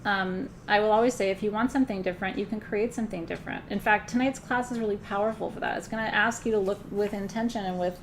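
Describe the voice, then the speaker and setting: Fast and with few pauses, this woman leads a live spiritual class in a steady, mid-range voice over a slight hiss or hum. Her conversational style is loose, with plenty of fillers and restarts, and she frequently checks in with the people listening.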